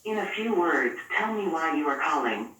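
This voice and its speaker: A woman's voice: low voice, expressive, moderate pace, fairly bright tone. A woman's voice on a recorded phone message, giving polite, scripted prompts as an automated phone menu. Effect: recorded phone message played over a phone speaker. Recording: very echoey phone speaker caught from far off.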